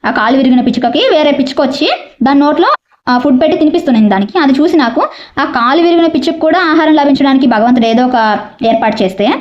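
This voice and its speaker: High-voiced woman teacher drilling grammar. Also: muffled recording. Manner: explanatory, repeats examples slowly and drills. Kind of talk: exam-prep grammar lesson.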